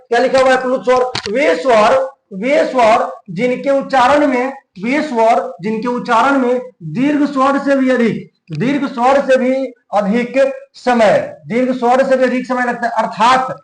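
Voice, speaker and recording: Young man, grammar teacher, high voice, repeats questions and answers them, stretches vowels, echoey room. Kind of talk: classroom lesson explaining slides.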